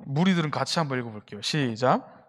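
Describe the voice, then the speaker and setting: Young pastor preaching in an echoing hall. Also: male voice, mid-range voice, lively intonation, fast, a bit bright, a little hiss or hum. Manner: engaging, asks the congregation questions. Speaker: youth pastor. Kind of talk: sermon to a youth service. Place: church worship hall.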